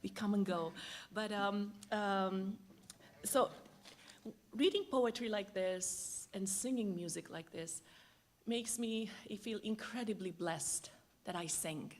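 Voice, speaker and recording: A woman from Lebanon, a singer, speaking reflectively at a concert and pausing often with fillers before she sings. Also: medium pitch. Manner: reflective, halting with many fillers. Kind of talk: spoken introduction at a concert.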